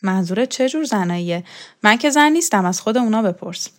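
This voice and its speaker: A woman reading the lines of a teasing, flattering man in a storybook reading. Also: high voice.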